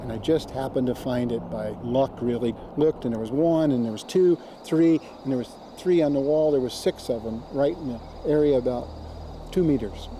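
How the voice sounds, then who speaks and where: Man for unscripted nature documentary field account; emphatic, repeats for stress, clearly noisy water-side ambience. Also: mid-range voice, moderate pace, mellow. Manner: emphatic, plain-spoken, repeats himself for stress. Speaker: diver and underwater camera operator. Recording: outdoor location sound, clear background noise.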